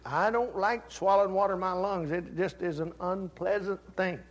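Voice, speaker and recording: An older man preaching a sermon, telling folksy family stories and rising to loud, fervent Scripture reading. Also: sits high, fairly even intonation, moderate pace. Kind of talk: sermon with personal story.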